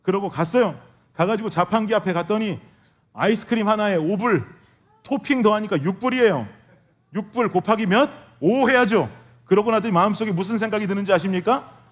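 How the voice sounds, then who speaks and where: A man's voice: high-pitched, fairly quick. A male pastor preaching a sermon, telling a humorous family story and speaking directly to his congregation. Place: church sanctuary.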